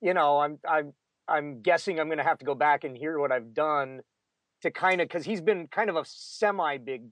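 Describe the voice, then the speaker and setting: A man's voice: on the high side, moderate pace, a bit bright, no room sound. A man who narrates audiobooks, chatting casually in a self-deprecating way and often restarting his sentences. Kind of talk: casual conversation.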